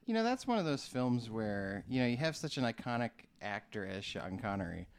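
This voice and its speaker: A man's voice: mid-range voice, sing-song, a little fast, gravelly, smooth. A young man co-hosting a casual chat, joking and full of puns. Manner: joking, punning. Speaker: co-host.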